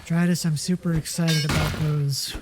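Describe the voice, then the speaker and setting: A man's voice: a little high, level tone, normal speed, music in the background. A man streaming a game, chatting casually and correcting himself as he goes. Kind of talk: casual gaming chat. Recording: noisy game audio.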